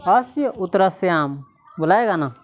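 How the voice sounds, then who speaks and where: A woman teacher, reading Sanskrit slowly syllable by syllable and quizzing the class again and again. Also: lowish voice, animated. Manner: repeatedly quizzes listeners, slow syllable-by-syllable reading.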